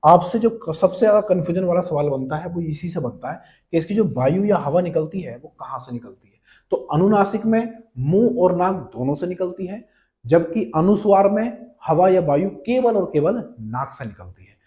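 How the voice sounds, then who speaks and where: A man's voice: high-pitched, expressive, normal speed, mellow. A young man teaching a Hindi grammar class online, repeating each key term and quizzing the viewer as brother and friend. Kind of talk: online exam-prep class.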